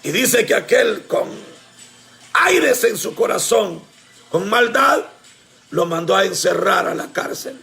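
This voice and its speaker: A man preaching a sermon with fervor, often shouting and calling on his congregation as brothers. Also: high voice, lively intonation, slow pace, vocal fry, faint music behind.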